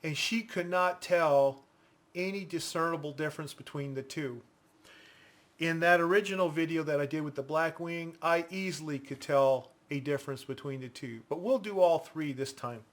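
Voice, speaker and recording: A man giving a casual product review in a deliberate, explanatory manner. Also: on the high side.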